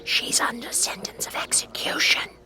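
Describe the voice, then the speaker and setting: A man voicing a timid, anxious talking rabbit from a storybook, stammering and hurried in manner. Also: pushed and bright, in a whisper. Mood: hushed secrecy.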